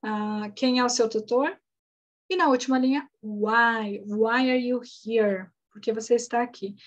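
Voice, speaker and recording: A woman's voice: a little high, a little slow, dull audio. A woman, recapping an online English lesson and spelling words out patiently. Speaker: English teacher.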